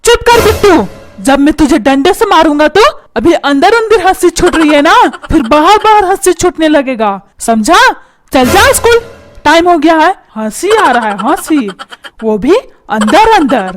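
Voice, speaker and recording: A woman's voice: high voice, expressive, moderate pace. A woman voicing a short-tempered, stingy middle-aged father in a cartoon, scolding and barking orders. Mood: angry scolding. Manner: scolding, shouting orders, repeats words mockingly. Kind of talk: cartoon comedy voice acting.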